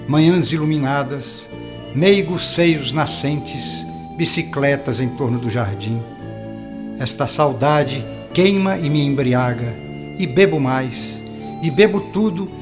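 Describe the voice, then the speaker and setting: A man with a fairly high voice recites a sonnet slowly, lingering expressively on each image. Clear instrumental music plays under his voice. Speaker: poetry reader. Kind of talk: poetry recitation.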